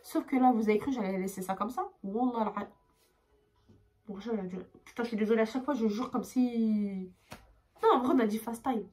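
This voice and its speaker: A young woman telling a storytime vlog, tired, expressive and swearing as she acts out her dialogue. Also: a little high, brisk. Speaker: vlogger.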